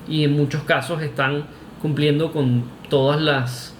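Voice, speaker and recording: A man's voice: a little high, steady tone, measured pace, reverberant, a little hiss or hum. A Venezuelan man with a Venezuelan Spanish accent, giving an emphatic, argumentative opinion monologue to camera, with restarts and "este" fillers. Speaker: vlogger.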